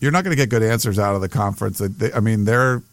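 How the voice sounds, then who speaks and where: A man's voice: fairly low pitch, fast talker, no room sound. An American man co-hosting a sports podcast in casual chat, hesitant and circling back over his phrases.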